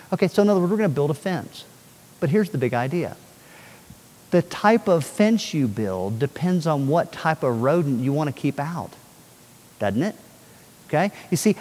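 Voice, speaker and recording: A middle-aged man giving an energetic talk to an audience and often checking that they follow him. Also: a little high. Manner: animated, asks the audience questions often. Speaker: speaker on child safety. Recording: long hall reverb.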